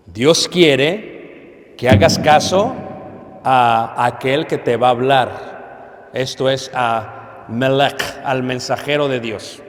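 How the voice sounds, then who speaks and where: A man preaching a sermon to a congregation, with dramatic pauses, loud emphasis and questions to the listeners. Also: medium pitch. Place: church hall. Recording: long hall reverb.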